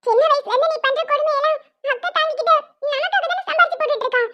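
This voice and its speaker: A woman's voice: very high voice, very fast, bright, forceful tone. A woman voicing an earnest little boy who loyally pleads for his elder sister in a cartoon. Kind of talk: cartoon voice acting. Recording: dull lo-fi sound.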